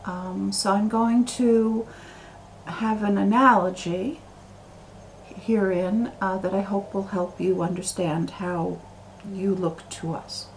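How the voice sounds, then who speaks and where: An American woman talking to camera in a slow, deliberate monologue, full of pauses and fillers. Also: medium pitch, fairly even intonation, slight background noise, low-quality recording. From United States. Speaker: video commentator.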